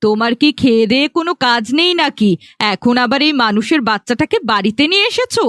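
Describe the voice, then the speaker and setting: A woman's voice: fairly high pitch, animated, quick pace, fairly bright tone, no room sound. A woman voicing a quarrelsome middle-aged village mother in a cartoon, scolding her family. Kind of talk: cartoon voice acting.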